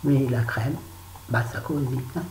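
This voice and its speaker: Her bass voice is unhurried and a little mellow as this middle-aged beauty vlogger chats casually about her used-up products. For fun, she puts on a southern French accent during the empties review. The recording sounds echoey, with faint noise.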